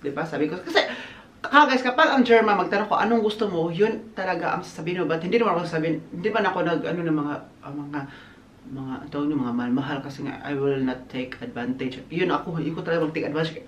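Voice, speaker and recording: A man chatting casually in a birthday vlog, animated and laughing often, slipping English phrases into his talk. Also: on the high side, fast, a little hiss or hum. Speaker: vlogger. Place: outdoors on a windy day. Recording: echoey, roomy sound.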